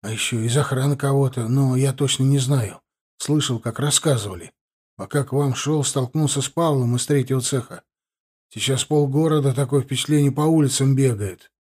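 A man voicing a nervous, flustered male factory worker who talks in a hurried, halting way. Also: medium pitch, a little mellow, breathy edge, natural voice.

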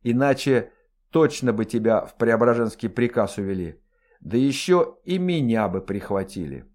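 A man doing a gruff, scolding noblewoman. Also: mid-range voice, expressive, moderate pace, a little mellow, natural voice. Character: coarse, sharp young noblewoman mistress.

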